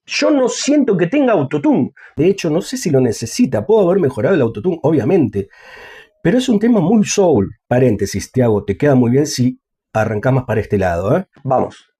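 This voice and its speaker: A music reaction YouTuber with an Argentine Spanish accent casually comments on a music video, chatting straight to his viewers and humming and singing snippets. His voice sits high and is sing-song, brisk, a little mellow, and slightly rough. Faint music plays behind him.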